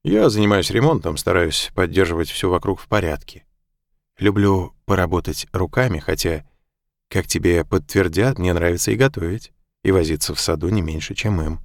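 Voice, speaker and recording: A man voicing a calm, friendly handyman of about thirty in an audiobook, plain-spoken. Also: sits low, normal speed, vocal fry, no room sound, studio quality.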